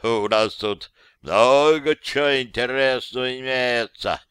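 A man voicing a hulking, folksy bass strongman. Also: expressive, unhurried, fairly bright tone, clear, resonant tone, no room sound. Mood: hearty. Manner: folksy, effusive greeting. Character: hulking male gym teacher, hearty and welcoming.

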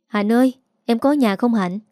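A haughty rich older man with a Southern Vietnamese accent who barks rude orders, put on by a woman reading a story. The voice stays mellow and dry. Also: fairly high pitch, normal speed, no echo, natural voice. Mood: bossy. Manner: rude, commanding. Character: arrogant rich older man, gruff and bossy.

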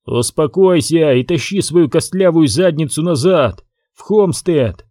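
A man's voice: on the high side, expressive, unhurried, dark tone, no room sound, voice pushed up. A cold, commanding young leader barks orders in a raised, hard voice, as a man plays him. His tone is firm and threatening, the sound dry and close.

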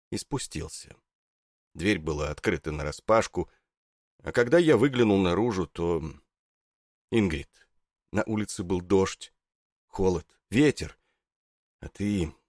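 A woman's voice: a bass voice, a little mellow, dry recording, clean studio sound, pitched below the performer's own voice, full character voice. A woman voicing a stern middle-aged stepfather in an audiobook, firm and barking commands. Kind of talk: audiobook character voice.

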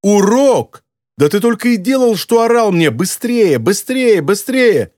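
A man reading an audiobook, voicing an angry young woman in a high, exasperated voice. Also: huge pitch swings, slow pace, dry recording, clean studio sound, exaggerated voice. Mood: furious. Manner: shrill, exasperated yelling.

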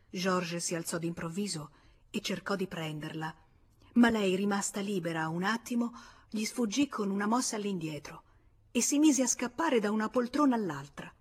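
A woman narrates a classic novel in a measured, expressive reading. Her voice is husky and airy. It sits at an ordinary pitch for a woman. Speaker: audiobook reader. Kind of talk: literary narration.

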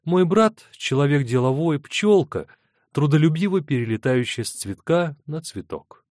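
A man voicing a weary, mocking woman, the sharp-tongued older sister in an audiobook. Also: a little high, lively intonation, moderate pace, no room sound, voice pushed up, lightly acted. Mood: sardonic. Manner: dry, mocking.

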